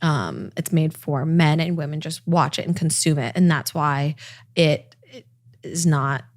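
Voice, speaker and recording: Californian woman with vocal fry. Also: deep voice, measured pace. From Los Angeles. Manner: casual, chatty, many fillers. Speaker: podcast guest. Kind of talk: casual chat.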